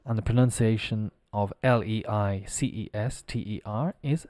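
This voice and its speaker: Here a man with a fairly low, slightly mellow voice teaches English pronunciation in a live stream, chatting casually as he spells words one letter at a time. He keeps a moderate pace, and the audio is clean studio sound without room noise.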